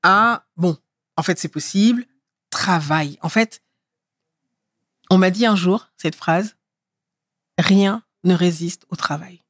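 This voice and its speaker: A middle-aged actress from France speaking in a relaxed interview, lively and emphatic as she tells her story. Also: on the low side, slow pace, long pauses, no room sound, clean studio sound. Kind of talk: casual interview talk.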